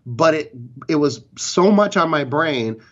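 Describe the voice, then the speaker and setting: A man's voice: fairly high pitch, expressive, measured pace, a bit bright. Give me an opinionated male podcast co-host who talks in long rambling runs, on a dull lo-fi recording. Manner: opinionated, talks in long run-on explanations, swears casually. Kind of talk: casual chat.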